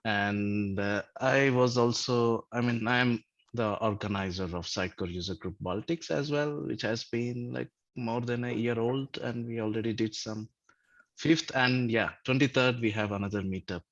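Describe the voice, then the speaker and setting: A man's voice: medium pitch, fairly even intonation, normal speed, no echo. A man from Latvia introducing himself on a video call, hesitant with many fillers. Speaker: community organizer. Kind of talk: casual video call chat. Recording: dull, muffled call audio.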